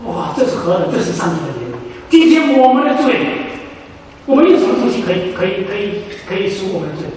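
Male preacher, animated delivery swinging up and down, distant mic in a reverberant church hall with faint noise. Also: high-pitched, fast talker. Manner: emphatic, repeats phrases for stress. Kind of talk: sermon. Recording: echoey hall, voice from far off.

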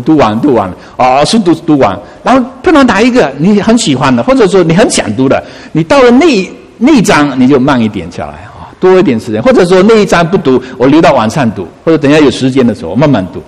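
A man preaching a sermon as pastor, coaxing and animated, often asking his listeners questions. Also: fairly high pitch, quick pace, hardly any pauses, breathy edge, long reverb tail.

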